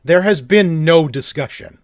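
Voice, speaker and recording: Excitable podcast guy rambling about a show, fairly high voice, dry close sound. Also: measured pace, no echo. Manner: enthusiastic, rambling with many fillers. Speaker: podcast co-host. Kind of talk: casual chat.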